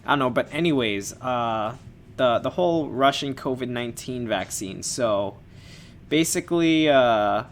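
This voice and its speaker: A man's voice: mid-range voice, lively intonation, a little slow, a little hiss or hum. A man co-hosting a casual podcast, talking in a loose, rambling way. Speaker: podcast co-host. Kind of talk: casual chat.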